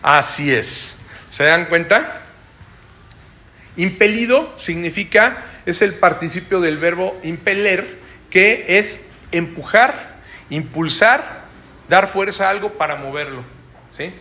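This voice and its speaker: Male preacher, high bright voice, teaching style with frequent rhetorical tags. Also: animated, takes it slowly, long pauses. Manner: explanatory, asks listeners frequent rhetorical checks. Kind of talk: Bible study preaching.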